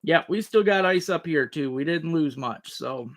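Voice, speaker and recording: A man's voice: fairly high pitch, animated, moderate pace. A man hosting a livestream, chatting casually with viewers in a folksy, rambling way. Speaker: livestream host.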